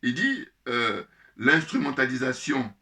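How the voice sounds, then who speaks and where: Guy ranting about politics, bright forceful voice, keeps laughing, lots of euh and restarts. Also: mid-range voice, measured pace. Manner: animated, indignant, laughs often, many fillers and restarts. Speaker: political commentator. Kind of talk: casual spoken commentary.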